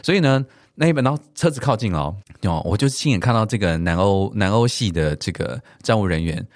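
A middle-aged man with a Taiwanese Mandarin accent, telling a story on his own podcast at a quick clip. His pitch leaps around a lot, and he throws English curses into the tale. The recording is close and dry, with no room sound. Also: dry recording. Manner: animated, mixes English swearing into his story. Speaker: podcast host.

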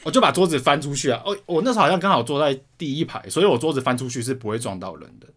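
Fast-talking young Taiwanese man. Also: medium pitch. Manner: swears often, animated retelling. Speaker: podcast co-host. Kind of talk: casual chat, storytelling.

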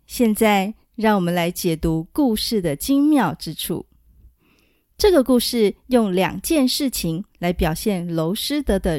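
Slow-paced woman storyteller. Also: medium pitch, darkish tone, dry recording, clean studio sound. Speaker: podcast storyteller. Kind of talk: scripted story narration.

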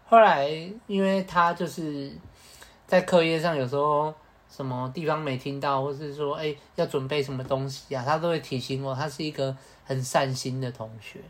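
Podcast co-host, man, Taiwanese Mandarin accent, slangy and animated storyteller. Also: on the high side, moderate pace. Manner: animated, slangy, peppered with Hokkien swearing. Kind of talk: casual storytelling.

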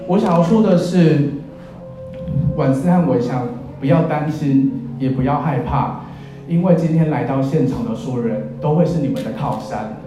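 A man's voice: medium pitch, normal speed, muffled recording. Taiwanese guy doing a wedding officiant speech, wry and self-deprecating, super echoey room w music behind. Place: in a church, speaking to guests.

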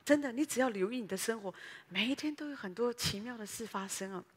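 A woman pastor, preaching a sermon in a lively storytelling way that speaks directly to the congregation. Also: fairly high pitch, quick pace, slightly rough, in a large hall. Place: church.

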